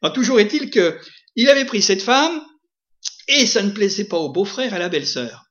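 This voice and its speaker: A man's voice: high voice, animated, brisk, fairly bright tone, muffled recording. A man preaching a sermon in a conversational way, often asking his listeners questions. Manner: conversational, asks the audience questions, frequent "hein".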